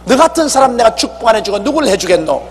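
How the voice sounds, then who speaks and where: A man's voice: very high voice, very animated, fast, voice pushed up, exaggerated voice. A preacher voicing God as a fond fatherly elder. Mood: delighted. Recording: echoey hall with faint hum.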